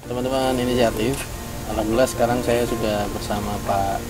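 A man's voice: medium pitch, fairly even intonation, brisk, rough recording. A man in his thirties hosting a casual field interview for a charity campaign, friendly and persuasive, outdoors on a village porch. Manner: friendly, inviting, persuasive appeal. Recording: loud music bed under voice.

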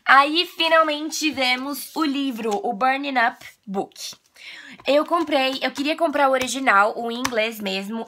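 A woman's voice: on the high side, slight background noise. A Brazilian woman in her twenties chatting casually to camera like a gushing fan, her voice slightly nasal from a coming cold. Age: 20s. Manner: gushing, animated fan talk. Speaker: video blogger. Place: small bedroom, indoors.

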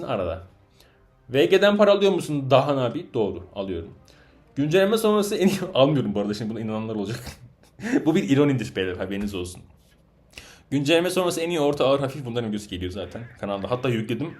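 Man, live gameplay commentary, chat questions, exasperated ranting, fast talker, slightly high voice. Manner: exasperated ranting at teammates, loud outbursts and muttering. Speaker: gaming channel host.

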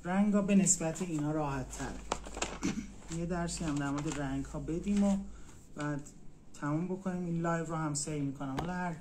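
A man teaching a language in a casual live stream, patiently repeating words slowly. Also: on the high side, background noise.

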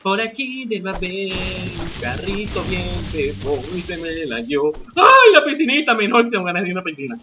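A man with a Venezuelan accent giving excitable live game commentary, yelping, swearing and talking to himself. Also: high voice, moderate pace, few pauses, background noise. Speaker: gamer.

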